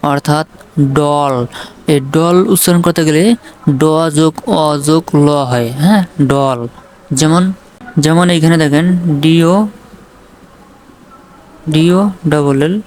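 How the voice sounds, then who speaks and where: A man's voice: on the high side, darkish tone, slight background noise. A man teaching English spelling and pronunciation, spelling words out letter by letter, then asking what each means and answering himself. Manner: asks questions then answers them himself; slow, deliberate spelling of words.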